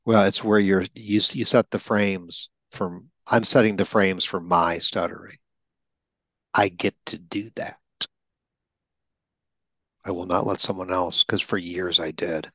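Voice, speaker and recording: In a low, fairly even voice with a fairly bright tone, this interviewer speaks at a measured pace with no echo. A speech coach who stutters, he coaches his guest on stuttering, emphatic and full of vivid, acted-out example lines.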